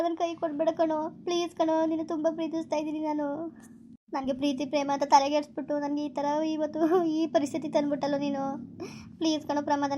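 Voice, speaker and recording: A woman's voice: high-pitched, darkish tone, lo-fi sound, a little hiss or hum, natural voice. A woman playing a heartbroken girlfriend begging. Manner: pleading, tearful, repeats please. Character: heartbroken young woman begging her lover. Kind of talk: village skit acting.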